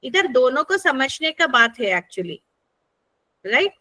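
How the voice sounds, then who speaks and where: A woman with a high, bright voice leads a workshop for a group. She talks conversationally and keeps checking that her listeners are following. Her tone is sharp and forward. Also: sing-song, takes it slowly. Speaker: workshop facilitator. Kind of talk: interactive workshop teaching.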